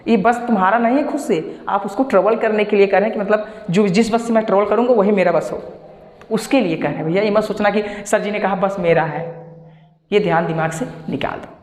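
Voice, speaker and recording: A man's voice: high-pitched, brisk, darkish tone. A man teaching spoken English, repeating phrases and acting out everyday scenes to explain them. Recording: echoey room with long reverb.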